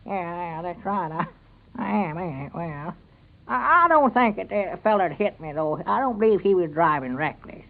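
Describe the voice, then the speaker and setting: Bumbling small-town constable, rural Southern American accent, high hesitant voice, sheepish, old radio comedy, tinny recording. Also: male voice, expressive, moderate pace, vocal fry. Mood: flustered, hesitant. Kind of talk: old-time radio comedy serial acting.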